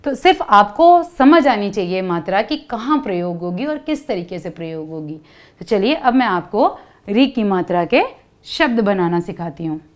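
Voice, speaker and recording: A woman's voice: mid-range voice, animated, moderate pace. A woman teaching young children, patiently explaining each step and asking them to repeat sounds after her. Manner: call-and-response, asks kids to repeat. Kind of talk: children's lesson.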